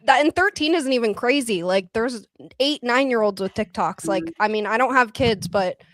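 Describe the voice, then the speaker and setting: A woman's voice: a little high, normal speed, a bit bright, no echo. A woman on a casual panel chat, talking in a chatty, advice-giving way with many fillers.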